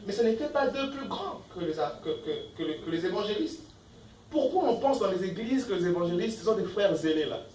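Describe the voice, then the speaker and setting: A man's voice: high voice, expressive, fairly quick, a little mellow, reverberant, recorded from a distance, slight background noise, rough recording. A man preaching a sermon as pastor, emphatic, asking the congregation questions and reading verses aloud. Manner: reads scripture verses aloud between comments. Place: church.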